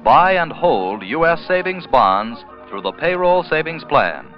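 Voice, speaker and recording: A man's voice: fairly high pitch, very animated, a little slow. 1940s radio announcer guy off an old broadcast disc, muffled lo-fi sound, voice swings up and down a lot, music under him. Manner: formal, emphatic announcer delivery. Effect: old broadcast transcription disc sound.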